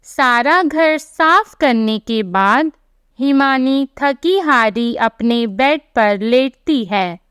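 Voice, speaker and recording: A woman's voice: sits high, animated, drawn-out words, a bit bright, clear, resonant tone, no room sound, clean studio sound. A woman narrating a storybook tale in a plain, sympathetic way.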